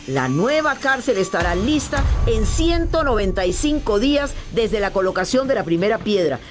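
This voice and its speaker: A woman's voice: medium pitch, big pitch swings, normal speed. A woman reading scripted news-style promotional narration. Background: music.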